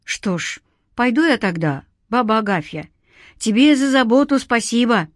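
A woman's voice: a little high, expressive, moderate pace, dry recording, studio quality, voice pushed up, lightly acted. A woman voicing a naive, good-natured young village man who speaks earnestly.

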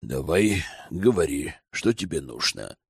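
A grumpy old village elder mutters his doubts in a low, grudging voice, as a male storyteller puts him on. He speaks slowly through his teeth, suspicious of every request. The recording is dry and close, like a storybook audiobook. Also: sing-song, fairly bright tone, no echo, full character voice. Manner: gruff, grudging and slow.

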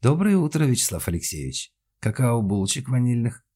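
A man's voice: normal speed, warm tone, husky. A man voicing a bossy, scheming older mother who scolds her daughter. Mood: fawning. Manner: shrill scolding, then fawning.

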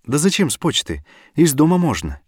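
A man's voice: on the high side, huge pitch swings, moderate pace, slightly rough, dry recording, clean studio sound, pitched above the performer's own voice, heavily acted. A man voicing a hurt, anxious wife who answers with puzzled reproach. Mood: reproachful.

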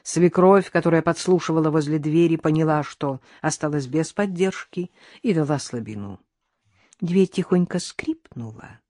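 A woman narrating a first-person audiobook in a lively, ironic storytelling manner. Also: low voice, dry recording, studio quality.

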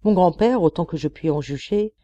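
A woman's voice: on the low side, normal speed, warm tone, no echo, dull audio, close to an everyday voice. A woman reading the part of an earnest, self-sacrificing young woman in an audiobook, in a pleading, heartfelt way.

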